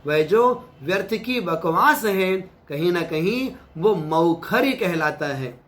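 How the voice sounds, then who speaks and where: A man giving a devotional sermon as a pandit, speaking in a slow, measured, preacherly way with stressed pauses. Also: sits high, expressive, a bit bright. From India. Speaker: pandit giving a religious discourse.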